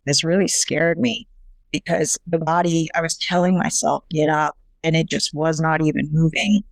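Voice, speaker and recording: A woman guest in an interview recounts her own story in an earnest, halting way, often circling back to restart a phrase. Her voice sits on the low side. The sound is close and dry, with no room around it. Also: dry recording. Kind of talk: personal testimony in an interview.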